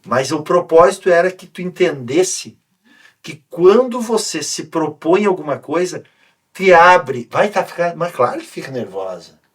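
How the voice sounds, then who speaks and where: Male coach, fairly high and husky, chatty anecdotal delivery. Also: measured pace. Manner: animated, anecdotal storytelling with many restarts. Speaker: sports coach, podcast guest. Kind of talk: casual podcast conversation.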